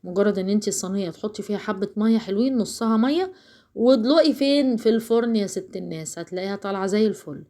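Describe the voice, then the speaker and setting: A woman's voice: medium pitch, animated, rapid-fire, warm tone. A woman with an Alexandrian Egyptian accent, chatting casually to viewers while cooking, rambling and talking straight to them. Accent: Alexandrian Egyptian Arabic. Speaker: cooking vlogger.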